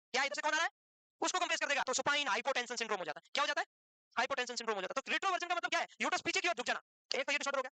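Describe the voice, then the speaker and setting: A man's voice: extremely high pitch, sharp tone, dry recording. A man lecturing a nursing class live, teasing students and firing questions at them.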